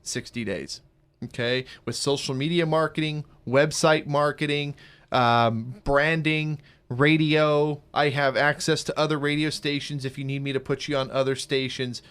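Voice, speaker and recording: A man hosting a radio talk show, pitching services with energy and joking with guests. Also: fairly even intonation, moderate pace, a bit bright, smooth. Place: radio studio. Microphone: studio mic.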